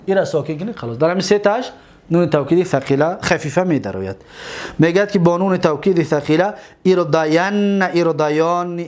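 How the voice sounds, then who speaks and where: Animated high-voiced male grammar teacher. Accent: Tajik. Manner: drills verb forms, spelling out word endings slowly; keeps checking students' attention. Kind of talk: Arabic grammar lesson.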